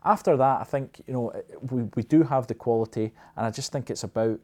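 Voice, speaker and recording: A man's voice: mid-range voice, brisk, a little mellow. A Scottish-accented man discussing football casually as a podcast panellist, rambling and restarting his sentences.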